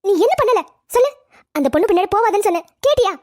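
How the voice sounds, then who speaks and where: A woman voicing a quarrelsome, defensive middle-aged mother in a cartoon family drama, talking fast and pleading. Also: expressive, no room sound, clean studio sound. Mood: accusing. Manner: rapid, shrill, pleading and quarrelsome.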